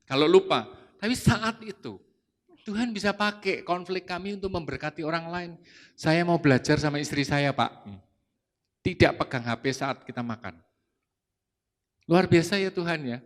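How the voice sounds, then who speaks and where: Lively storytelling preacher, higher-pitched man. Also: normal speed, long pauses. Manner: lively anecdotal preaching, rising to loud retorts when quoting himself. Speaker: speaker at a church service on marriage. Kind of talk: sermon with storytelling.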